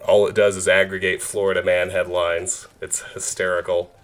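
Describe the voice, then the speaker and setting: Low-voiced man chatting on a game stream. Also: little pitch movement, moderate pace. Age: 30s. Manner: joking, chatty, trailing off. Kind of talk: casual live-stream chat.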